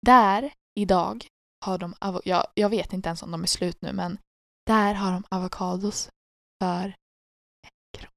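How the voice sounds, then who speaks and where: A playful podcast co-host with a gravelly, creaky edge to her voice. She talks in a loose, ironic way and throws herself into the stories she tells. The sound is close and dry, with no room echo. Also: medium pitch. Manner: playful, ironic, animated storytelling. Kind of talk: casual chat.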